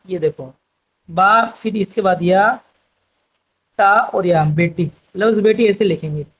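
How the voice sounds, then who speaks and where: A man's voice: sits high, slow, a bit bright, breathy edge, dull audio. A man teaching Urdu script, patiently spelling out letters one by one. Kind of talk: slow spoken writing lesson.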